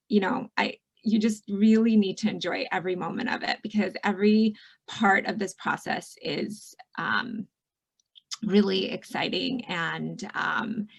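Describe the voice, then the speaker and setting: A woman's voice: mid-range voice, creaky. A middle-aged woman physician from Michigan giving a casual, friendly online presentation, talking over a video call with frequent ums and you-knows. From Michigan, USA. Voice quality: warm, chatty, many fillers. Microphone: video call mic.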